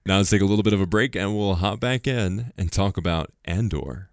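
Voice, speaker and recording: Male podcast co-host, lower voice, dry and close, casual chatty delivery with quick acted-out quotes. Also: no room sound. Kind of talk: casual chat.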